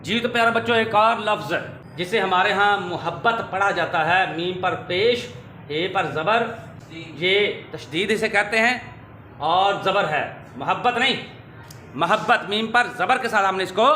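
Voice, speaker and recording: A man teaching pronunciation to children, slowly repeating wrong and correct forms. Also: high voice, pushed and bright, a little hiss or hum. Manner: slow, drills correct and wrong forms, addresses dear children. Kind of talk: classroom pronunciation lesson. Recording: echoey room with faint ambience.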